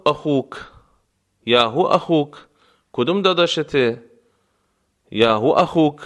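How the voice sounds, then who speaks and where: Man teaching phrases by slow repetition. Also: medium pitch, fairly bright tone. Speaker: language teacher. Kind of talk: spoken phrase lesson with repetition.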